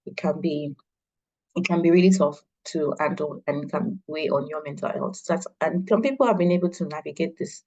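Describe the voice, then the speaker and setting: A woman hosting an online launch meeting, talking in a halting way with many fillers and restarts. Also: deep voice, darkish tone, low-quality recording. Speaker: event host.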